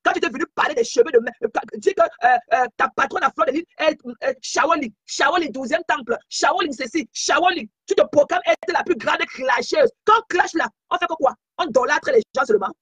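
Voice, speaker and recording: A woman's voice: sits high, fairly quick, few pauses, a bit bright, dry recording. A woman hosting a live stream on her phone, talking in an emphatic, scolding way. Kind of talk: casual live-stream chat.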